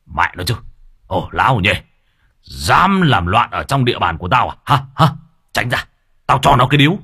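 A man voicing a hot-tempered elderly male village chief who scolds loudly. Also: mid-range voice, sing-song, fairly quick. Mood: furious. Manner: loud, blustering scolding.

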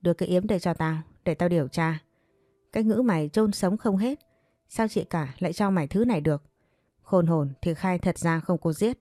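A woman's voice: lowish voice, normal speed, no room sound, studio quality, lightly acted. A woman voicing a jealous young mistress of a household who scolds and threatens her servant. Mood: threatening. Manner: scolding, threatening, sharp-tongued.

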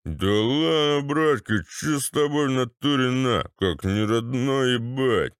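A man voicing a drunk, boorish ex-paratrooper with a bassy, slurred, swaggering delivery. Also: a little slow, clear, resonant tone, no room sound, studio quality, lightly acted. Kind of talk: audiobook character voice.

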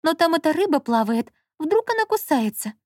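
Женщина в аудиокниге озвучивает молодую капризную обидчивую героиню жалобным высоким голосом. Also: female voice, sing-song, moderate pace, dry recording, studio quality. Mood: plaintive. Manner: plaintive, pouting, high-pitched. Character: young woman Lola, fussy, whiny and touchy. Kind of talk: audiobook character reading.

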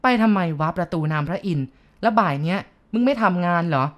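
A woman's voice: lowish voice, lively intonation, quick pace, natural voice. A woman voicing a blunt middle-aged man who scolds coarsely. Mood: gruff.

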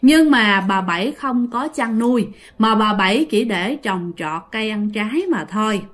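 A woman's voice: mid-range voice, expressive, normal speed, fairly bright tone. A woman with a Southern Vietnamese accent telling a ghost story in a casual, chatty way, often speaking straight to her listeners. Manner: chatty, addresses listeners directly.

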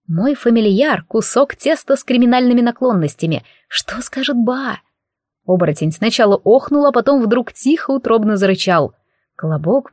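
A woman's voice: fairly high pitch, a little mellow, no room sound, studio quality. A woman narrating a comic fantasy audiobook in first person, with a wry, ironic manner.

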